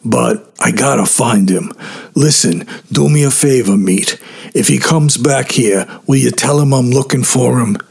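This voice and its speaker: A man's voice: mid-range voice, measured pace, gravelly, darkish tone, slightly rough. A man voicing an anxious, earnest teen camper. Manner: urgent, earnest.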